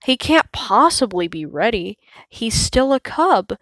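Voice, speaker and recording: A woman reading the part of a wise, calm male lion king and father, softly and steadily. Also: fairly high pitch, unhurried, no echo, voice pushed up, full character voice. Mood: solemn.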